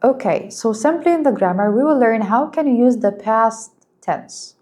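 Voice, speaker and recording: A woman whose first language is Arabic teaching an English lesson, speaking slowly and clearly and praising her students. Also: fairly high pitch, animated, a little mellow. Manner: patient, encouraging, slow and clear, explains in Arabic too.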